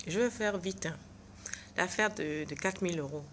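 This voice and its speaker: A woman's voice: lowish voice, normal speed. Tired middle-aged woman vlogger, dramatic storyteller who acts out the dialogue, faint noise behind. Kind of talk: animated storytelling vlog. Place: at her workplace.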